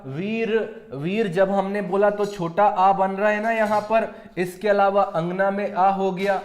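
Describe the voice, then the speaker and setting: A man's voice: high voice, fairly even intonation, measured pace, roomy sound. A male Hindi grammar teacher giving an exam-prep lecture with a Madhya Pradesh accent, asking questions and answering them himself, repeating key terms and calling the students his dear friends.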